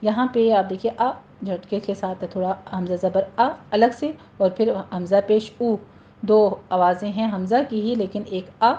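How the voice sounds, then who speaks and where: A woman's voice: medium pitch, dark tone, highs cut off. Patient woman teaching Quran recitation. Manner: patient, explains rules step by step, then recites words slowly and drawn out. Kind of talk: tajweed lesson with slow recited examples.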